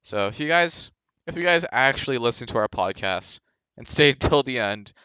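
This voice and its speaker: A man's voice: mid-range voice, lively intonation, normal speed, sharp tone, clean tone, no echo. A young man co-hosting a casual podcast, rambling through jokey conspiracy theories and stories. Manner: rambling, joking conspiracy storyteller. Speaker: podcast co-host. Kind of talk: casual chat.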